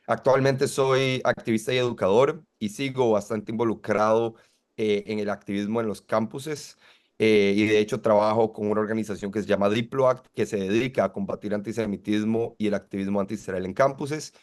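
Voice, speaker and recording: A man, a student activist answering interview questions in a measured, articulate way. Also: lowish voice, steady tone. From Costa Rica. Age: 20s. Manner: articulate, measured, argues point by point.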